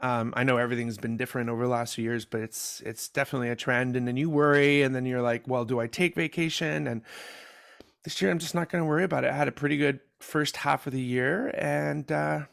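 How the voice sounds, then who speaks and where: A man's voice: mid-range voice, fairly even intonation, quick pace, creaky, a bit bright, clean tone. A man in his fifties co-hosting a podcast, chatting casually and joking, rambling with fillers. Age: 50s. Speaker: podcast co-host. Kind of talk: casual chat.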